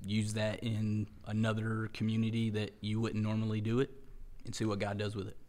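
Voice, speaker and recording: A man in his thirties, a guest on a church talk show, speaking in a reflective, measured way at a desk mic in a small studio. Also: fairly low pitch, completely flat delivery. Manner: reflective, measured, softens at the ends of points. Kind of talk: conversational church podcast. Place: small indoor studio at a wooden table. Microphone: desk mic on a stand.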